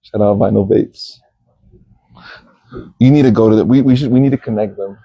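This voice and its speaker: A man's voice: fairly low pitch, moderate pace, gravelly, husky, dry recording, highs cut off. A man chatting as a guest, laid-back and giggly, hyping things up and repeating catchphrases. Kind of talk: casual chat.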